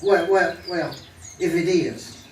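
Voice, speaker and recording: Chester, stammering folksy western sidekick. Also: male voice, high voice, slow, darkish tone. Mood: uneasy. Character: excitable, simple, deferential deputy sidekick. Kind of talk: 1950s radio western acting. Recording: noisy, echoey old radio recording, distant.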